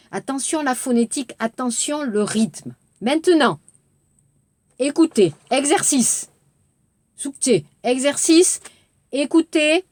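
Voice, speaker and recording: Female language teacher, higher voice, measured and deliberate delivery. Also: darkish tone, dry recording. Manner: slow, clearly articulated, switching between French and Korean. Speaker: French teacher. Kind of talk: classroom lesson.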